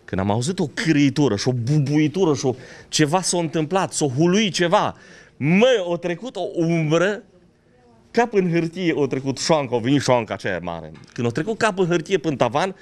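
Animated older storyteller from western Romania. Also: male voice, on the high side. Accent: Banat-Crișana Romanian. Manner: animated, dramatic storytelling with regional words. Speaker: local storyteller. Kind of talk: folksy anecdote telling.

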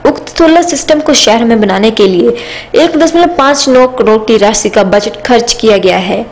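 A woman's voice: on the high side, moderate pace, poor audio. Woman reading a news voice-over. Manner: steady scripted narration. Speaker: news reporter.

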